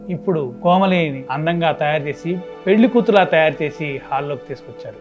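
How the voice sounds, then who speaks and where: A man narrating a story dramatically, his loudness rising and falling. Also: a little high. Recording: dull lo-fi with music behind. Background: background music.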